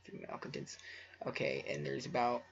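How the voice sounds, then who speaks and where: A man reads a story aloud casually for a video, as an amateur fan fiction reader and creator, stumbling on words and breaking off into offhand asides. He has a medium pitch, flat delivery, vocal fry and normal speed. The dull lo-fi home recording carries slight background noise.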